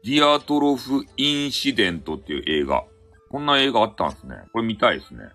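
A man's voice: medium pitch, big pitch swings, brisk, bright, forceful tone, faint music behind. A man with a Hakata dialect hosting a casual solo live audio chat, rambling and correcting himself, with chuckles along the way. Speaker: live audio stream host.

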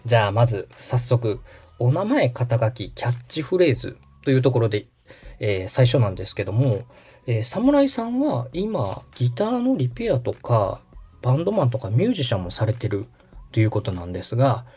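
A podcast host explains things politely and step by step in a how-to style, with music in the background. His medium-pitched voice is sing-song, a little fast, warm and slightly rough.

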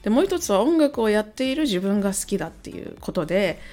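A woman's voice: medium pitch, sing-song, fast, mellow. A hungover woman in a casual solo chat to her listeners, talking as a host in a hesitant, rambling way as she thinks aloud. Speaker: host, amateur-facing musician and songwriter.

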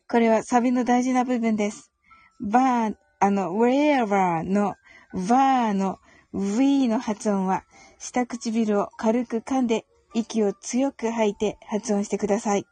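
A woman hosting a casual audio broadcast, politely explaining English song lyrics and reading each English line slowly and carefully. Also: a little high, steady tone, dark tone, no room sound.

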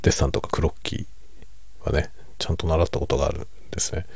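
A middle-aged man chatting quietly late at night over a drink, in a hushed, unhurried, musing and self-deprecating way. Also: extremely low pitch, breathy edge, dry recording. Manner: relaxed monologue while drinking alcohol. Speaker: streamer.

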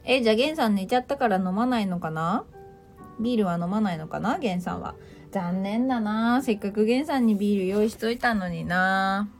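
A woman's voice: mid-range voice, brisk, soft background music. A woman hosting a casual livestream, chatting playfully, teasing listeners as she reads their comments and mixing in English phrases. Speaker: livestream host.

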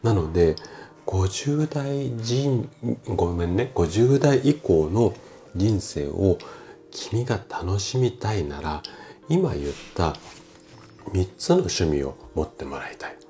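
A man in his fifties, a bodywork clinic owner hosting a solo podcast, calmly explaining things as if to his younger self. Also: low-pitched, takes it slowly, soft background music. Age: 50s. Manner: calm, explanatory, speaking familiarly to a younger self.

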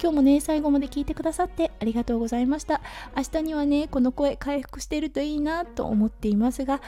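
A woman with a hoarse, slightly raspy voice from overuse, chatting through a casual solo audio diary as a host. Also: high-pitched, quick pace, dark tone. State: hoarse from overuse, sore throat. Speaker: podcast host, anaesthetic nurse. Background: background music.

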